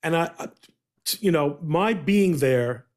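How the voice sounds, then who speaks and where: Measured middle-aged male podcast host. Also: fairly high pitch, lively intonation, darkish tone. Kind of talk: conversational interview.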